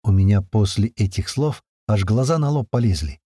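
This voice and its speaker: A man tells an audiobook story in the first person with a relaxed, colloquial manner. His voice is husky and his intonation lively. It sounds close and dry. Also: lowish voice, normal speed, no room sound. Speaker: narrator. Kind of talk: audiobook narration.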